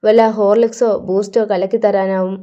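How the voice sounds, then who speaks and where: Woman reading as a mocking young gangster, gruff, teasing, smooth mellow voice, dull lo-fi audio. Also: medium pitch, level tone, a little fast, close to an everyday voice. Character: tough young male gangster, blunt and mocking.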